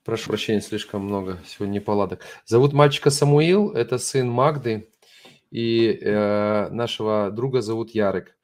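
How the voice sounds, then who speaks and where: A middle-aged man who is not a native Russian speaker, hosting an informal livestream and addressing viewers in an earnest, apologetic, halting way, often searching for words. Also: lowish voice, a little mellow. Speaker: host of an online religious ministry broadcast.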